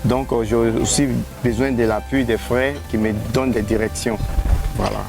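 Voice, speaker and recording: A man's voice: medium pitch, steady tone, moderate pace, gravelly. A man from Côte d'Ivoire, interviewed outdoors as a guest, speaking hesitantly with many restarts. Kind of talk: street interview. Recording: music bed underneath.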